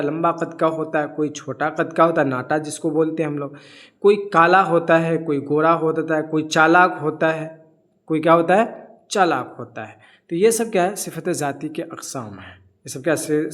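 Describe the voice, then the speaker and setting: A man teaches a grammar lesson in a slightly raised voice. He keeps asking the class a question and then answering it himself. He reads examples aloud as short lists of single words. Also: on the high side. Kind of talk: grammar lesson explaining from a textbook.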